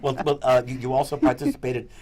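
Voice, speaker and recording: A man co-hosting an interview, speaking haltingly and repeating words as he starts. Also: medium pitch, flat delivery, darkish tone. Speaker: co-host. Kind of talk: interview conversation.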